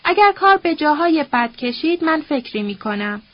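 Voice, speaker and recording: Woman voicing a calm, reserved young man. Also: high voice, no room sound, lo-fi sound. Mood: restrained.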